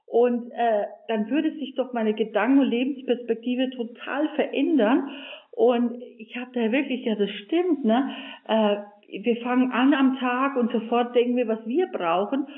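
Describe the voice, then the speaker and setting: A woman's voice: on the high side, unhurried. Earnest older woman on a tinny phone line. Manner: earnest, animated storytelling with many fillers. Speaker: guest, religious sister and author. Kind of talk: storytelling in a radio interview.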